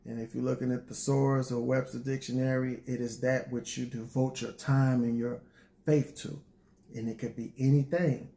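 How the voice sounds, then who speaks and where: A man with a mellow, dark voice at a middle pitch talks informally to his listeners. He is reflective and folksy, with a bit of a preacher's manner. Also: gravelly. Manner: folksy, preacherly, often addresses listeners as y'all. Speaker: poet addressing an audience.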